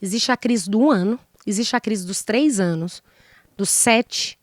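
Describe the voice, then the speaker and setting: Here a psychologist guest, a woman, explains relationship advice didactically in an interview, acting out example dialogues and tossing in rhetorical questions. She speaks a little slowly in a mid-range voice. The studio sound is clean, without echo.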